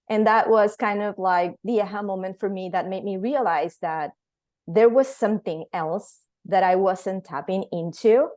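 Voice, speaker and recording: A woman from Venezuela, a company founder, telling her story as an interview guest in a chatty way with many fillers. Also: mid-range voice. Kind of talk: casual interview answers.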